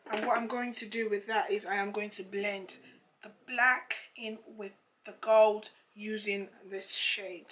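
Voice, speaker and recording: A woman with a slightly croaky, froggy voice, chatting casually and informally as she explains a makeup tutorial step by step. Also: medium pitch, steady tone, measured pace, fairly bright tone, a little hiss or hum, low-quality recording. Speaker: makeup vlogger.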